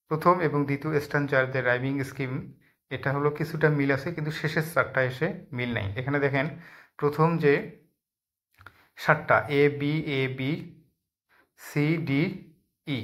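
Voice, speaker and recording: A man's voice: on the high side, a bit bright. A man giving an online lesson in Bengali, asking questions and answering them himself as he goes through items one by one. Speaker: teacher. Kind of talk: online lecture.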